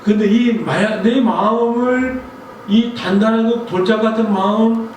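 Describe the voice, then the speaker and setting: A man's voice: sits high, steady tone, a little slow, a little mellow. A male pastor preaching a Sunday sermon, telling a personal story in a conversational way and asking the congregation questions. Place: church sanctuary. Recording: very echoey hall, distant mic, faint noise.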